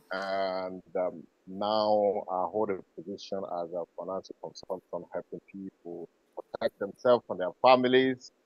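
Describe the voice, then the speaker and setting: A man's voice: deep voice, no room sound, highs cut off. A man in his forties from West Africa, a financial consultant being interviewed, speaking with many fillers and easy laughter over a video call. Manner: hesitant, filler-heavy, laughs easily. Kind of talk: remote interview.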